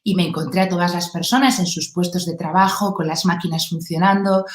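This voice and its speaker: A woman's voice: lowish voice, fairly quick. A woman, a guest telling a story in an interview and acting out the dialogue as she goes. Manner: lively storyteller who acts out dialogue. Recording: roomy echo.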